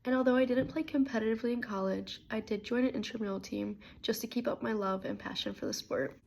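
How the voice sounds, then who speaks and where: A bubbly, energetic woman of twenty-one introducing herself for a job, her voice a little stuffy from a cold. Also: a little high, fast, vocal fry, a little hiss or hum. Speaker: job applicant. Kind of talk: upbeat self-introduction video.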